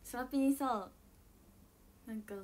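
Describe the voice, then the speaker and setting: A young woman with a high, bright voice and a chats casually with viewers on her livestream. She is bubbly and giggly, and she talks loudly. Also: a little slow. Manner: giggly, bubbly, frequent laughter; self-describedly loud voice. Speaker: idol livestreamer. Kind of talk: casual chat reading viewer comments.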